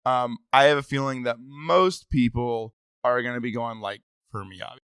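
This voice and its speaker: A man co-hosting a podcast, chatting casually and eagerly about a game, with quick restarts and frequent laughs. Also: mid-range voice, fairly bright tone, smooth, dry recording. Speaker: podcast co-host. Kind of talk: casual gaming chat.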